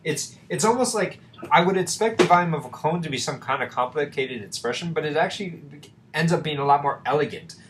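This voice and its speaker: A man's voice: on the high side, animated, a little fast, a bit bright. A man teaching math in a loose, chatty way, checking in often with "right?" His voice comes through a computer mic. The room has a noticeable echo and a faint hiss of background noise. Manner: chatty, rhetorical questions, frequent fillers. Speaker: math tutor. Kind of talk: casual online tutoring. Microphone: computer mic on a video call.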